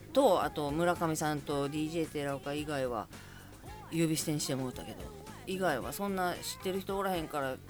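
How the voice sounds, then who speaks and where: Woman, Kansai accent, lower voice, very animated pitch, faint music behind. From Kansai region of Japan. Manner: animated, chatty, laughing storytelling. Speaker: podcast host. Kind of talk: casual solo monologue.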